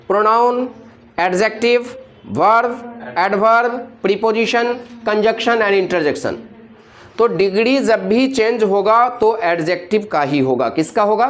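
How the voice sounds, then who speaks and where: A man's voice: high voice, fairly bright tone. A male teacher giving a classroom grammar lecture, constantly quizzing his students with call-and-response questions.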